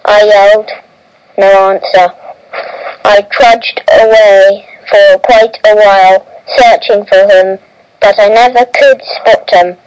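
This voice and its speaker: A woman reading a first-person adventure story aloud, halting often and correcting herself as she goes. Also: mid-range voice, fairly even intonation, darkish tone, smooth, poor audio. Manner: halting reading with frequent restarts and self-corrections.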